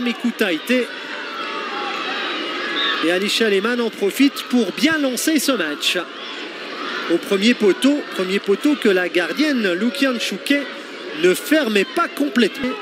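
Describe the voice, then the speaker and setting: A man giving excited live football commentary, exclaiming and repeating phrases for emphasis. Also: very high-pitched. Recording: loud stadium crowd noise behind commentary. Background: stadium crowd and loud outdoor ambience.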